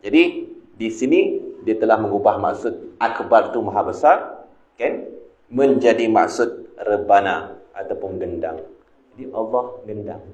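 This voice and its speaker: A man's voice: lowish voice, animated, a little mellow. A man with a Malaysian Malay accent giving a mosque lecture on a religious text. He asks his listeners questions and answers them himself. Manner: demonstrates sung and drawn-out recitations. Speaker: religious teacher. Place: mosque hall. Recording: echoey room, faint ambience.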